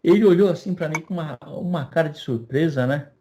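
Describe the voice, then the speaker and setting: A man's voice: a little high, brisk, dark tone. An older man from Brazil, telling a long story in a class. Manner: anecdotal, chatty, acts out dialogue. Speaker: teacher.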